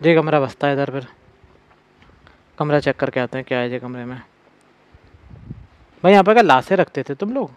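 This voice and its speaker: A young man giving frightened, excitable commentary while playing a horror game, calling out to his viewers. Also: mid-range voice, normal speed, pauses often, highs cut off. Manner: jumpy, scared exclamations, talks to viewers as brothers. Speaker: gaming YouTuber.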